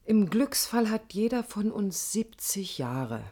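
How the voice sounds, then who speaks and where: Here the lead actress of a 1980s East German radio drama narrates slowly as an idealistic, stubborn young architect, reflective yet defiant. Her mellow, mid-range voice moves through big pitch swings. The introspective monologue has a wistful feel and an intimate, earnest, thoughtful manner that at times falls almost to a whisper.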